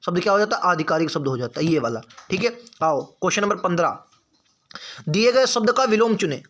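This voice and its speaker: A man with a high, forceful voice leads an online exam-prep lesson. He is chummy with his viewers and calls them friends and brother. He says each answer over and over and keeps asking his students what the right word is. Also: animated, fairly quick. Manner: repeats answers and quizzes students with rhetorical questions.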